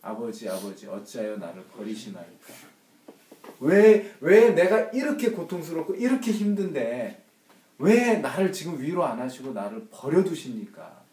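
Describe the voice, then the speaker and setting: A man's voice: medium pitch, big pitch swings, normal speed, darkish tone, lightly acted. A man voicing an anguished man pleading to his father. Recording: roomy, distant mic.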